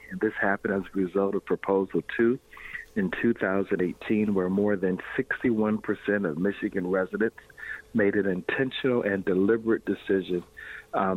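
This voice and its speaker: Male spokesperson, very low voice, measured statement, phone-like sound. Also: breathy edge. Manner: measured, with fillers. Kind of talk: news clip statement. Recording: tinny phone-like audio.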